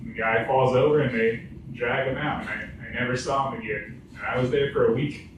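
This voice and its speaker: A man's voice: medium pitch, steady tone, brisk, distant mic, slight background noise. A man doing stand-up at an open mic, telling a story in a rambling way full of "like"s. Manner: rambling, filler-heavy storytelling with many "like"s. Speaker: stand-up comedian. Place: echoing open mic venue. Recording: very echoey room recorded from afar, faint ambience.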